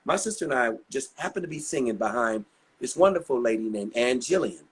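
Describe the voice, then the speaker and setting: A husky-voiced man in his sixties talks as an interview guest. He rambles through anecdotes in a casual, chatty way with many asides. His pitch sits in a middle range for a man. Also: lively intonation, fairly quick. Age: 60s. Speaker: guest singer.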